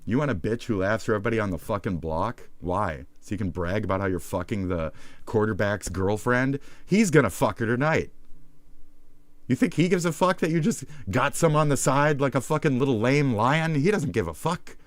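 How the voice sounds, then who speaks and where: A man's voice: mid-range voice, animated, normal speed, no room sound. A man streaming live, giving heated, profane, sarcastic commentary.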